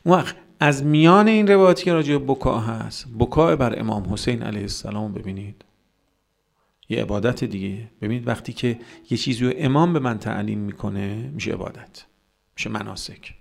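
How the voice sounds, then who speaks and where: A man's voice: medium pitch, vocal fry. A man giving a religious sermon, arguing with rhetorical questions and mocking the views he rejects. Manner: argumentative, rhetorical questions, mocking quoted voices. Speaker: cleric.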